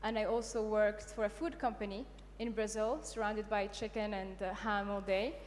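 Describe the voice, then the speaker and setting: A woman's voice: medium pitch, flat delivery, moderate pace, big-room sound, a little hiss or hum. A young woman from Morocco, an entrepreneur, introducing herself on stage with confidence and light fillers. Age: young adult. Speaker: entrepreneur panelist.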